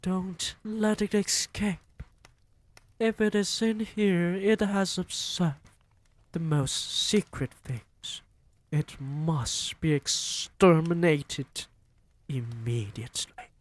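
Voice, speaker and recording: Penguasa penyihir perempuan yang bengis, saat seorang pria menirukannya membentak dengan nada tinggi yang dingin dan memerintah. Iramanya lambat dan tegas. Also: male voice, high-pitched, slow pace, voice pushed up. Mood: commanding fury. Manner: commanding, screeching orders. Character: ruthless domineering female witch leader.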